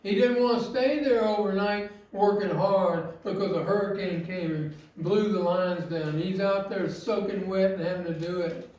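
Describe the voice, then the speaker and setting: A man preaching a sermon, earnest and emphatic, asking rhetorical questions with slow, weighted phrasing. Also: sits high, fairly even intonation, a little mellow, distant mic, muffled recording. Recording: very echoey, from off mic.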